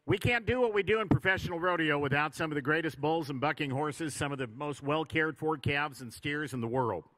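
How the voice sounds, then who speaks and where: A man with an American accent hosting a live ceremony, introducing honorees in a formal, measured build-up. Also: a little high, pushed and bright, no room sound, poor audio. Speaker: ceremony host.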